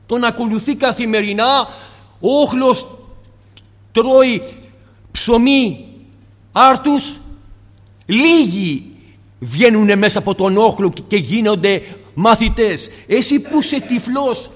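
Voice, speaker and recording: A male preacher giving an impassioned sermon, firing off rhetorical questions and dropping suddenly to a soft tone. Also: very high voice, animated, long pauses, in a large hall.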